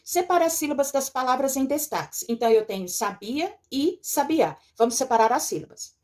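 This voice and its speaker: A woman's voice: sits high, animated, normal speed, a little mellow. A woman teacher giving a recorded lesson from a textbook, explaining patiently and checking in with her pupils. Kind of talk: recorded remote lesson walking through a textbook.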